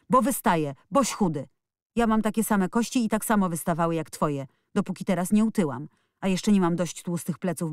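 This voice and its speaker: A woman voicing a fierce, bossy little girl who scolds in sharp shouts. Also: fairly low pitch, no room sound, clean studio sound, lightly acted.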